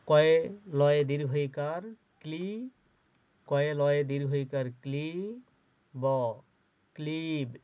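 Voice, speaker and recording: A man's voice: a little high, a little mellow. A man teaching a spelling lesson to children, spelling each word out syllable by syllable and answering his own questions. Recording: dull lo-fi recording.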